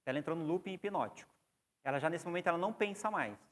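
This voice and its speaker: A man's voice: a little high, rapid-fire, a bit bright. A man with a Brazilian Portuguese accent giving a classroom lecture on psychoanalysis, explaining and putting questions to the class. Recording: long hall reverb.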